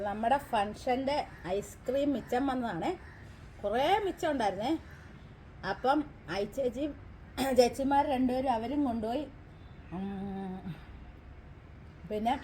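High-voiced chatty woman vlogging from home. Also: unhurried, pauses often, mellow, echoey room, recorded from a distance, slight background noise, rough recording. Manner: chatty, keeps checking in with viewers with tag questions. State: throat strained from talking. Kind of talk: casual chat to camera. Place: home kitchen.

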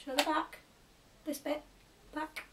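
A young woman in a bedroom, gently asking a small child questions while unboxing a toy. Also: sits high, level tone, slow pace. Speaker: vlogger and mother. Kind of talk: casual toy unboxing chat. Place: bedroom, sitting on a bed. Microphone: camera mic from a few feet away. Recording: distant camera mic, clear background noise.

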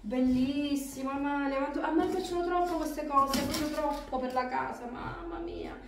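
At home, a woman with a high voice vlogs casually while opening Christmas gifts, gushing and exclaiming over every one at a normal pace. The audio is loud and noisy, picked up from far off in an echoey room.

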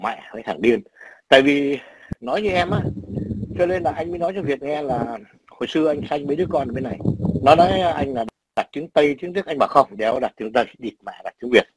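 A man's voice: on the high side, expressive, quick pace, husky, dry recording, rough recording. A man in his sixties from Vietnam with a Northern Vietnamese accent, telling blunt, profane stories in casual chat. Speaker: emigrant father.

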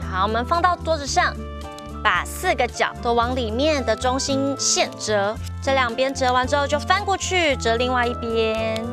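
A woman's voice: high voice, expressive, normal speed, over music. A young woman with a Taiwanese accent co-hosting a children's craft lesson, speaking in simple, exclamatory phrases as if to toddlers. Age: young adult. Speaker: children's show co-host. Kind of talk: presenting an origami lesson to small children. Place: television studio.

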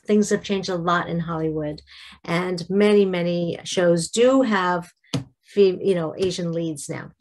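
A middle-aged woman vlogger talking casually and devotionally to camera, halting at times and correcting herself. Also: on the low side, darkish tone.

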